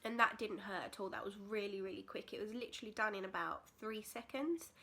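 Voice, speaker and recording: A woman's voice: mid-range voice, fairly quick, bright, forceful tone. A British woman in her twenties telling a personal story in a casual, candid, chatty vlog style. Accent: British English. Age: 20s. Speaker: vlogger.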